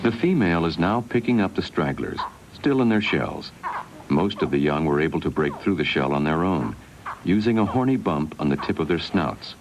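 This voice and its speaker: A man with a very low voice narrates a wildlife documentary in a measured, unhurried way. His pitch moves expressively from line to line. The sound comes from a worn VHS tape copy with steady hiss underneath.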